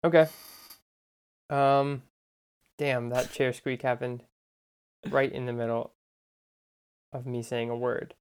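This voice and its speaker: A man's voice: medium pitch, flat delivery, measured pace, long pauses, smooth. A young man co-hosting a podcast in a casual, conversational chat. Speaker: podcast co-host.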